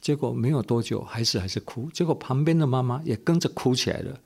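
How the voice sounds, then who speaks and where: A man, a pastor and radio host, giving an earnest, measured sermon and repeating phrases for emphasis. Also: medium pitch, vocal fry, darkish tone, slightly rough.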